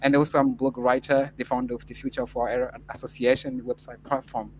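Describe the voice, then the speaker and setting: Speaking fast and flat at a medium pitch, a Portuguese-speaking man from Mozambique answers a mock scholarship interview as the candidate. His tone is formal and earnest, often broken by filler sounds, and background noise is audible.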